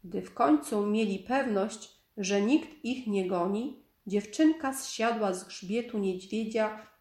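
A woman reading a children's story aloud in a calm, measured storytelling manner. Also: mid-range voice. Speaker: storybook narrator. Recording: echoey room.

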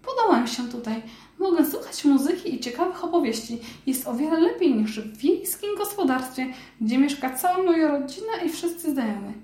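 A woman voicing a small, stubborn female mouse who talks high and firm. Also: very animated, brisk, mellow, echoey room.

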